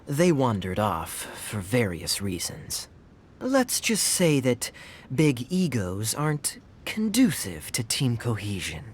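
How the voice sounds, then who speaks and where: A man voices a suave, sly young knight captain in game cutscenes, his medium-pitched delivery wry and teasing. Slight background noise and faint music sit in the game audio.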